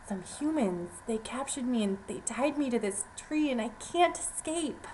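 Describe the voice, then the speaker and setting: A woman's voice: on the high side, expressive, a little slow, a little mellow, a little hiss or hum, low-quality recording. A woman voicing a big, hungry male lion who speaks in a proud, dismissive way in a storytelling performance. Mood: scornful.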